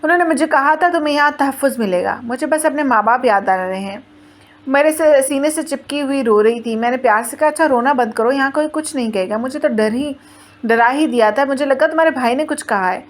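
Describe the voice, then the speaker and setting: High voiced young woman reading a family story, plain steady narration. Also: fairly quick. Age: 20s. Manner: plain storytelling, quoting others in her own voice. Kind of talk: first-person story narration.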